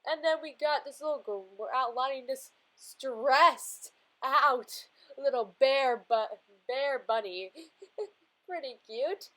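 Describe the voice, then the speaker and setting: With a slow, high-pitched, sharp-toned voice, a young woman art vlogger talks casually as she draws in a sketchbook. Giggling often, she calls everything little and cute. The recording is rough.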